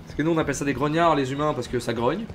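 A man streaming a game live, chatting casually and reacting loudly as he plays. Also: a little high, very fast, faint music behind. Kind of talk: live gameplay commentary.

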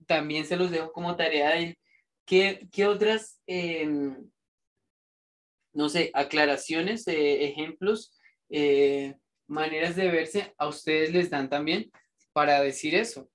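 A man teaching an English class, explaining slowly and rambling with many fillers and restarts. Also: a little high, a bit bright.

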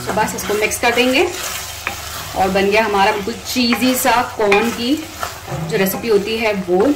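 Speaking at a normal speed in a steady, slightly high voice, a woman in her thirties with an Indian accent narrates her home cooking casually. She weaves in English words as the voice-over plays over clear sizzling sounds from the kitchen.

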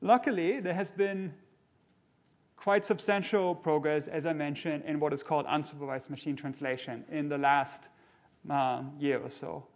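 A middle-aged man giving a keynote lecture on a large conference stage, explaining things in a measured way with fillers and restarts. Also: a little high, steady tone. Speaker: keynote speaker.

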